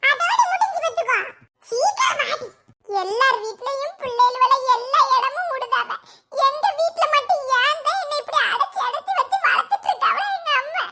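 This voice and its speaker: Woman doing a bright, teasing village girl. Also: very high voice, moderate pace, heavily acted. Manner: lively, teasing, laughing. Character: chatty village girl itching to go out.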